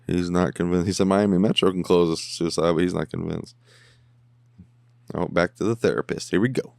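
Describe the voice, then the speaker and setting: A man with a very deep, gravelly voice gives loose, excitable running commentary as he watches an episode. He swears casually and keeps the talk chatty. The sound is dry and close. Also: normal speed, no room sound. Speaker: podcast host reacting to an episode.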